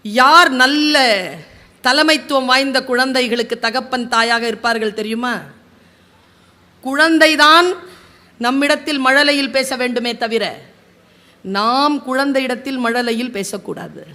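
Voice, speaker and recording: A woman giving a motivational storytelling talk, animated and speaking directly to her audience. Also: high-pitched, a little slow, pauses often.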